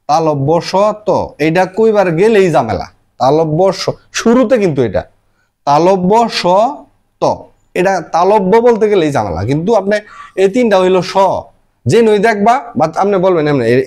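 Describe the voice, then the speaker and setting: A man with a fairly high voice teaches in a relaxed, conversational way. He breaks words into single letters, sounding each one out slowly before joining them back together. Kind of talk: casual explanatory lesson.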